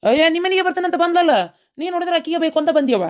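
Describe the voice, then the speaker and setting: A woman's voice: very high voice, very fast. Grumbly cartoon husband, voiced by a woman, north karnataka kannada, whines and moans a lot. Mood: grumbling. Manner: complaining, whiny grumbling. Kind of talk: cartoon comedy voice acting.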